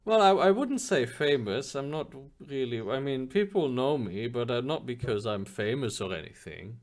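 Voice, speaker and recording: A man voicing an evasive, modest young woman in a tabletop game, speaking in a halting way. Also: mid-range voice, animated, natural voice. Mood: hesitant, evasive.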